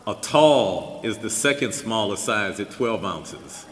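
An older man giving a keynote, reading a personal essay aloud at a lectern mic with measured delivery and dry asides. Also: on the low side, animated, a little hiss or hum. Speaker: keynote speaker. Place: large church hall. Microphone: stand mic at a lectern. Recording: roomy hall with long reverb.

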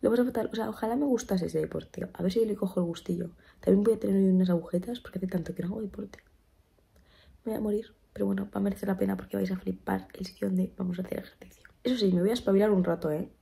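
A woman's voice: medium pitch, quick pace, creaky. A young woman, chatting sleepily to camera in a casual vlog, telling stories and slipping into whispers. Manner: chatty, animated storytelling, slips into whispers. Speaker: vlogger.

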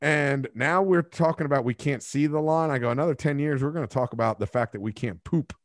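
A man's voice: medium pitch, brisk. A man in his forties hosting a podcast, telling self-mocking stories in a rambling way with restarts, on a studio microphone. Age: 40s. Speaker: podcast host. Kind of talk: casual interview chat. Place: home studio room. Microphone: studio microphone with headphones.

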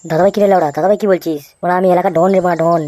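Lady doing a loudmouth don guy in a cartoon, brags and curses nonstop, lowish voice, talks fast. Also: fairly even intonation, no room sound, lightly acted. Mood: blustering. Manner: boastful, threatening, heavy cursing. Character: swaggering foul-mouthed male local don. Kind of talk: comic cartoon voice acting.

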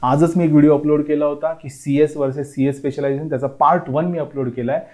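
Recorded on a lapel mic, this man in his thirties has a fairly high, darkish voice with a steady tone and brisk pace. Working as an admissions counsellor, he lectures on admission steps at a whiteboard indoors, switching between English and Marathi and reassuring students emphatically with frequent "okay"s.

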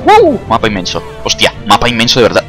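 A young man with a Spanish accent commentating his own game playthrough, joking and breaking into loud excited whoops. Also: fairly low pitch, fast. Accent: Spain. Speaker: gaming video creator. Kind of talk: let's play commentary. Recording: game music playing loudly. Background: game music and sound effects.

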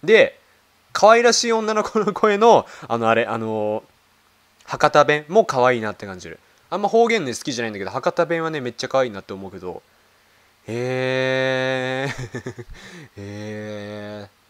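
A man's voice: medium pitch, lively intonation, moderate pace, fairly bright tone, clean tone. A man making casual reaction commentary as he browses videos, thinking aloud with lots of fillers and questions to himself. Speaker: video creator.

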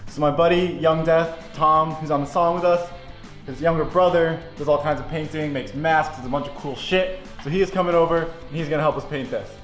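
A man's voice: a little high, steady tone, brisk, a bit bright. A young man in his twenties, chatting upbeat and self-deprecating in a casual behind-the-scenes vlog. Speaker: video creator and host. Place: basement set, indoors. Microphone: handheld camera at arm's length and seated interview. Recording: echoey basement room with faint music.

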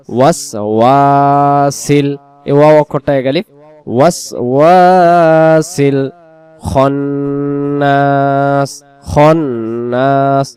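A man teaching correct pronunciation word by word, drawing out slow syllables and repeating each word. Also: a little high, darkish tone, clear, resonant tone. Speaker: Quran recitation teacher.

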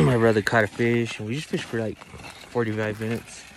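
An outdoor vlogger narrates his ice fishing trip on a frozen lake, laid-back and chatty but getting excited when the fish bite. His voice is lowish at a normal speed, filmed on a phone held at arm's length, with loud wind and outdoor noise.

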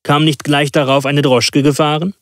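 A man voicing an impatient, eccentric male detective with quick, commanding speech. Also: a little high, little pitch movement, no echo, clean studio sound, pitched above the performer's own voice, close to an everyday voice.

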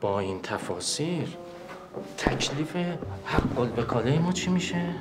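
A man's voice: mid-range voice, sing-song, over loud music, natural voice. An actor playing a prim, formal lawyer who insists on being paid his fees. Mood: stiff. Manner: formal, stiff.

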